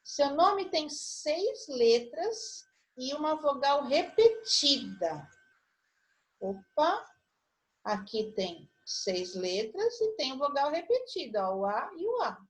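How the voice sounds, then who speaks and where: A Brazilian woman teacher with a slightly high voice, taking her time over every word. She walks young children through a word puzzle in an online lesson, spelling out syllables and clues one by one. She sounds patient and methodical. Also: very animated, slow pace. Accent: Brazilian Portuguese. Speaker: primary school teacher.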